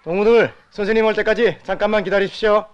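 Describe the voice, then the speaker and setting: A man's voice: sits high, fast, smooth, lo-fi sound, natural voice. An actor with a North Korean accent playing an earnest, encouraging male coach in his thirties in a film drama, speaking instructively. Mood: friendly, instructive. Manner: animated, instructive.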